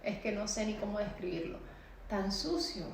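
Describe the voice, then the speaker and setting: A woman's voice: mid-range voice, fairly even intonation, normal speed, gravelly, a little hiss or hum. Emotional woman telling her story, echoey room. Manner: emotional, repetitive, pleading. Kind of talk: personal testimony.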